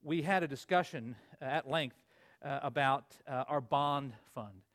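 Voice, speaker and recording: A man in his forties preaching a sermon as pastor, earnest and swinging from emphatic peaks to low asides. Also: a little slow, a bit bright. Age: 40s.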